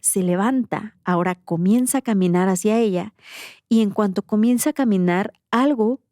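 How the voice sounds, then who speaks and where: A woman with a Mexican accent, a podcast host telling a story in a casual, slangy, animated way. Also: mid-range voice, moderate pace, no echo, studio quality.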